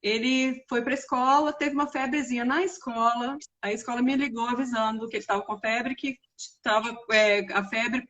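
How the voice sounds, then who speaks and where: Brazilian woman interviewer, slightly high, relaxed mom sharing stories, coughing. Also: moderate pace, few pauses, dull audio. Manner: relaxed, conversational, shares personal stories. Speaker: interviewer, mother. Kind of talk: casual interview chat.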